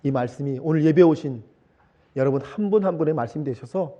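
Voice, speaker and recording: Korean pastor preaching with dramatic swings. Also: male voice, a little high, brisk. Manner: dramatic swings between loud cries and hushed asides. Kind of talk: sermon. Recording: muffled broadcast audio.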